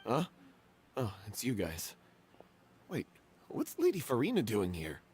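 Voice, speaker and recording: An actor voicing a wary young troupe member, surprised and questioning. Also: male voice, lowish voice, huge pitch swings, a little slow, darkish tone, slightly rough, exaggerated voice.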